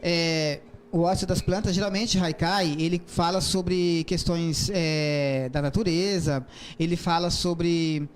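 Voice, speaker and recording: A man's voice: on the high side, steady tone, slow pace. A man with a Brazilian Portuguese accent, a poet and author interviewed as a guest, explaining poetic forms patiently with frequent fillers and restarts. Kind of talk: interview, explaining and reciting poetry.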